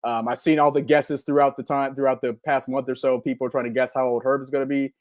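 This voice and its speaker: A man in his forties with a Southern US accent, co-hosting a live podcast in relaxed, rambling casual chat with many filler ums. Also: medium pitch, quick pace, no echo. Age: 40s. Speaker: podcast co-host.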